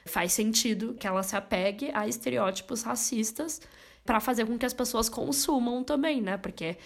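A woman's voice: a little high, normal speed, gravelly. A young woman co-hosting a podcast, speaking emphatically and often adding tag questions. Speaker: podcast co-host. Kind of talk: casual podcast discussion.

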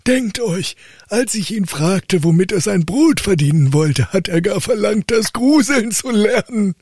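A stern, tired old peasant father from a fairy tale, voiced by a male storyteller who lifts his voice high above his own to scold. The sound is husky, close and dry. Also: animated, measured pace, a little mellow, no room sound, heavily acted. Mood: resigned. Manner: lifted, scolding and sighing.

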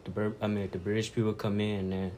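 Young man, very low voice, casual, faint background noise. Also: level tone, fast, darkish tone. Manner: loose, casual storytelling. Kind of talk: casual group discussion.

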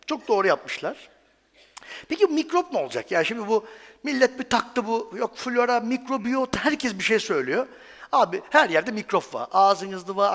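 A man's voice: sits high, a bit bright. A man giving a stage talk in a chatty, joking way, often putting questions to the audience. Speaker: medical professor giving a talk. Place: large hall on stage. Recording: reverberant hall.

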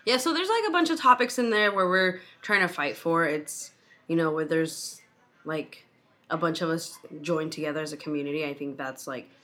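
Low-voiced woman podcast co-host. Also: animated, moderate pace, pushed and bright. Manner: rambling, many fillers and restarts. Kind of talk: casual chat.

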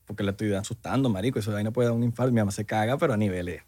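A man's voice: lowish voice, rapid-fire, heavy background noise. A man with a Venezuelan accent co-hosting a podcast in casual chat, joking and slipping into mock voices. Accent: Venezuelan Spanish. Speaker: podcast co-host.

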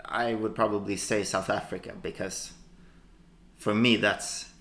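A man's voice: fairly low pitch, fairly even intonation, unhurried, vocal fry, a bit bright. A young man from Sweden, a podcast guest, speaking hesitantly with many fillers and short answers. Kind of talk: casual podcast chat.

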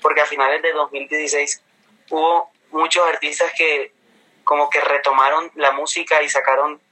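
Bright-voiced man, mild coastal Colombian accent. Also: on the high side, level tone, normal speed, rough recording. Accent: neutral coastal Colombian with a touch of inland. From Colombia, Caribbean coast. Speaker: interview guest. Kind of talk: casual conversational storytelling.

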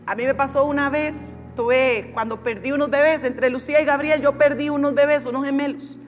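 A woman preacher delivers a lively sermon to her congregation and slips now and then into quick, characterful voices of everyday believers. Her voice sits high, and it rings in a large hall with a long tail of reverb. Soft music plays faintly underneath. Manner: lively, acts out quoted voices of churchgoers.

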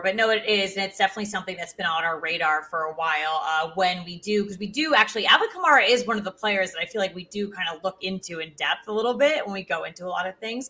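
A woman's voice: medium pitch, bright, forceful tone. A woman hosting a sports show, leading a ranked countdown in informal, emphatic conversation. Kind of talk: casual sports countdown chat, leading the rankings.

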